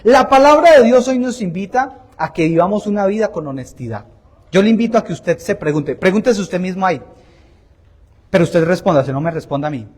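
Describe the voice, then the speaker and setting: A man's voice: sits high, expressive, brisk, a little mellow. A man preaching a Sunday homily in a church, emphatic and repetitive, asking the congregation direct questions and joking about himself. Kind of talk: Sunday sermon.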